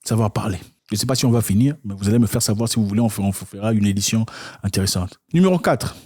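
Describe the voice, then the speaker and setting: Fast-talking husky man lecturing. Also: a little mellow. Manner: lecturing, emphatic, with sudden high-pitched outbursts. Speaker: relationship advice speaker. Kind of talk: direct-to-camera advice talk.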